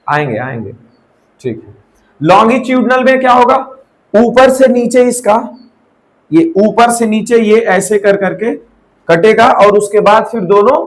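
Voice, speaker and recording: High-voiced man teaching a class. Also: low-quality recording. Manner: checks in with students often; mixes English terms into Hindi. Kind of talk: live classroom lecture.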